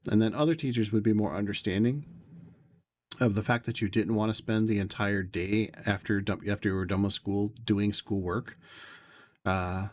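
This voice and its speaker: A man streams a game from his bedroom, his voice sitting in the upper bass to lower tenor range. He talks to chat in long, winding, rambling asides, picked up by a desk USB condenser mic with noise suppression.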